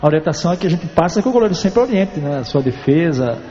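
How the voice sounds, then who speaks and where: Mellow-voiced Brazilian goalkeeping coach. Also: male voice, on the high side, big-room sound, muffled recording. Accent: Alagoas Brazilian. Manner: calm, measured explanations. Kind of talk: interview answers.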